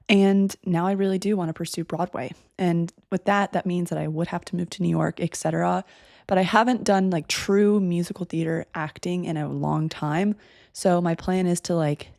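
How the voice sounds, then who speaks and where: A woman's voice: lowish voice, a little mellow, no echo, clean studio sound. A young woman in her twenties hosting a casual solo podcast, chatty and rambling, sounding a bit congested. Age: 20s. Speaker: podcast host. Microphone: desk microphone.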